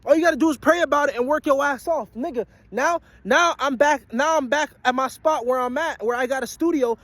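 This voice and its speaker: A vlogger and aspiring musician in his twenties, with an extremely high-pitched, slightly bright voice, fires off a blunt, profane motivational rant to his viewers after a long work shift. He talks fairly quickly, hammering the same points over and over, in a dry recording.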